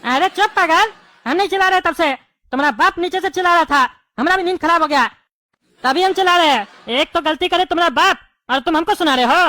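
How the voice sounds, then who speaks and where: Bright high-voiced scolding woman. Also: fast, no room sound. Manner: scolding, quarrelsome. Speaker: comic character, bald neighbour. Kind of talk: scripted comedy sketch.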